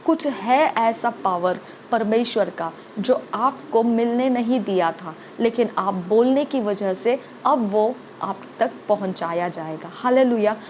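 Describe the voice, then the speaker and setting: A woman preacher delivers a sermon in a fairly high voice, driving her points home with repetition and frequent "okay?" checks. Faint ambient noise sits under her voice. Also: slow, few pauses, darkish tone.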